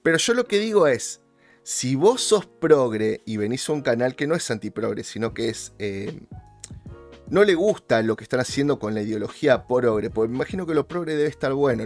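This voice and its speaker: Argentine-accented man vlogging to viewers. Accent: Rioplatense Spanish. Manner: talks straight to viewers, persuasive, pitch jumps up for emphasis. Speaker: YouTuber host. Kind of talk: casual monologue to viewers.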